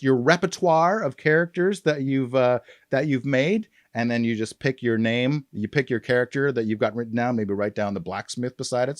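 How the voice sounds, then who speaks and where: A man's voice: mid-range voice, no echo, clean studio sound. A man who works as a voice actor, chatting animatedly and laughing often while giving tips. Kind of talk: casual chat.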